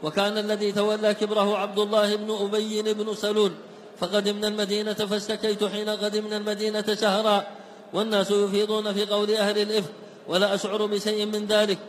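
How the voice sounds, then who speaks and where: A man reading classical text aloud in a steady, chanting recitation for a class. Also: high-pitched, quick pace. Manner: even, chanting recitation of chains of narrators. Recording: long hall reverb.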